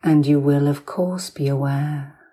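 Narrating hypnosis like a bedtime sleep story, a woman host uses a deep voice with a steady tone. She stays soft and soothing, breathy and near-whispered, letting long pauses fall between short phrases.

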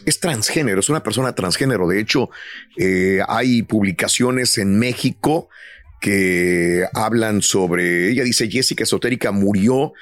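A man's voice: on the low side, measured pace, no room sound. A man, hosting a radio show and telling stories in casual banter, with many fillers. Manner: lively storytelling with many fillers.

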